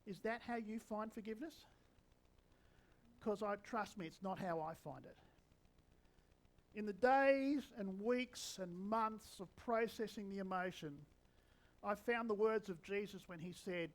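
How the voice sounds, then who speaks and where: A man's voice: high voice, unhurried, long pauses, poor audio. A man in his sixties, a preacher giving a conversational sermon with wry humour. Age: 60s.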